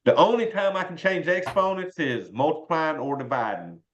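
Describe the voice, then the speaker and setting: Casting: male algebra teacher, Southern US accent, folksy and informal, highish pitch, muffled video-class sound. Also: animated, normal speed, slight background noise. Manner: folksy, says y'all often. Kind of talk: informal worked-example math lesson. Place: indoors, online video class. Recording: dull lo-fi online class audio.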